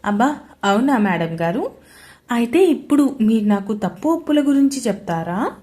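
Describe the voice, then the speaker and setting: A woman voicing an arrogant, teasing young husband in a loud, taunting way. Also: on the high side, sing-song, normal speed. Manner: louder, taunting delivery.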